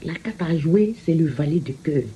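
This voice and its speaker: Lady reading cards, slow, keeps going "hein?", lowish voice, faint hum behind. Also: animated, warm tone. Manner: slow, repetitive, peppers phrases with "hein?". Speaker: card reader. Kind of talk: casual card-reading monologue.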